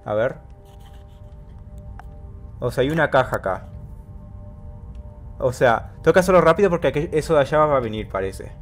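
A man talks himself through a platform game at a desk mic, chatty and matter-of-fact between jumps. When danger hits he breaks into rapid repeated cries, his pitch swinging high. Faint game music plays underneath. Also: animated. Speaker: gameplay commentator. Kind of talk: casual let's-play commentary.

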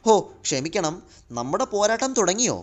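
A man voicing a cocky, mocking male dark elf warlord who taunts his foe in a comic retelling. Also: high voice, big pitch swings, brisk, voice pushed up. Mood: gloating taunt. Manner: taunting, gloating.

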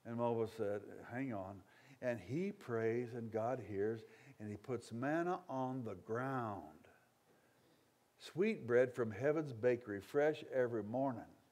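A man's voice: mid-range voice, slow pace. A man preaching a revival sermon, telling stories with humorous asides and acting out complaining crowds. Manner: dynamic, swinging from loud outbursts to quiet asides.

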